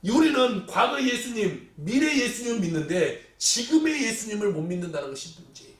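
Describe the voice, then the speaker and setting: A male pastor preaching a sermon, animated, acting out the voices he quotes and sometimes shouting. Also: high voice, brisk, recorded from a distance. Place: church sanctuary. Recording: echoey church hall, voice from off the mic.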